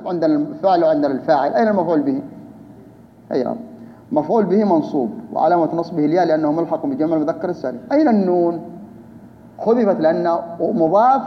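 A man leads a grammar class, his voice sitting a little high. He breaks each rule down step by step and keeps asking his students questions. The recording is dull and lo-fi, with a long hall reverb and faint background noise. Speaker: Arabic grammar teacher.

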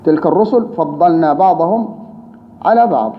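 A man with a high-pitched voice teaches grammar and explains it patiently. He repeats key terms and asks rhetorical questions. The recording is dull and lo-fi, with a long room reverb and a faint hiss underneath. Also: lively intonation, normal speed.

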